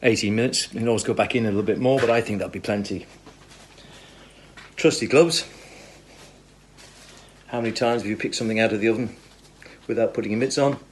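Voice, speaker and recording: Cooking at home on a phone-filmed recipe video, this British man chats cheerfully and enthusiastically, sprinkling in tag questions and asides. His voice is fairly low, a little fast, with long pauses, and kitchen clatter and background noise are clearly audible.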